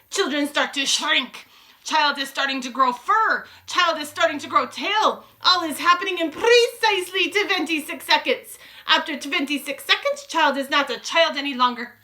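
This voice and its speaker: A woman voicing a wicked old witch from a storybook, shouting imperiously and chanting in broken grammar as she gloats. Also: high voice, pitched above the performer's own voice. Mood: triumphant, commanding. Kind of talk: dramatic storybook read-aloud.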